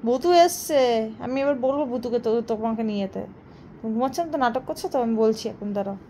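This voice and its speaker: High-voiced mother scolding at bedtime. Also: fast talker, dark tone. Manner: scolding, coaxing a child to sleep. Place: home bedroom at night. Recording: home recording with background noise.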